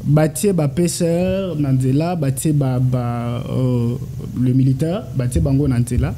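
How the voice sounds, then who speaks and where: A Congolese political analyst with a Congolese French accent answers interview questions, leaning on rhetorical questions and stammered repetitions. His mid-range voice is dark and unhurried, with slight background noise.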